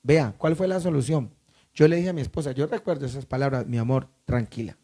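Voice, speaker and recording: A man's voice: mid-range voice, fairly quick, warm tone, husky. A man from Colombia who pastors a church, preaching emphatically and asking the congregation questions.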